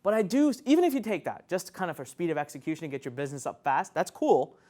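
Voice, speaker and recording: A man with a darkish tone talks fast and very animatedly as he teaches an online marketing lesson to camera. He is enthusiastic and conversational, his pitch swooping up and down, and he laughs often.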